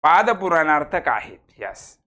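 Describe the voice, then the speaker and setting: Lively high-voiced man teaching grammar. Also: a little slow. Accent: Marathi. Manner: lively, acts out exclamations, teases students. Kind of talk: online grammar class.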